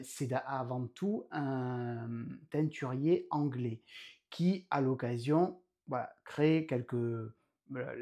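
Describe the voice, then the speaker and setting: A man's voice: mid-range voice, warm tone, breathy edge. A man hosting his own knitting podcast indoors at home, chatting casually and rambling with frequent hesitations. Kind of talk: casual chat.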